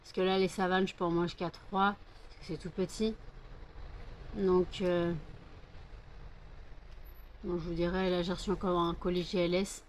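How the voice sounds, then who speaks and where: A woman's voice: fairly low pitch, level tone, normal speed, pauses often, a little hiss or hum. Chatty French woman, rambling and sleepy. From France. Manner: rambling, many fillers, coos baby talk to her dogs. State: sleepy and hot. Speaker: vlogger. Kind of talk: casual vlog chat.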